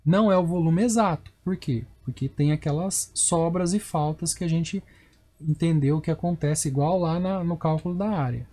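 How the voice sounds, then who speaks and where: A man's voice: on the high side, normal speed, warm tone. A male math teacher with a Brazilian Portuguese accent, giving a recorded lecture and checking in with viewers as he explains each step.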